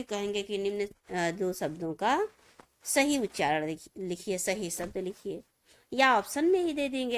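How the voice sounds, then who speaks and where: A middle-aged woman teaches Hindi grammar in a video lesson at an even, mid-range pitch. She reads each misspelled word and then the right one, speaking straight to her students. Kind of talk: classroom-style video lesson.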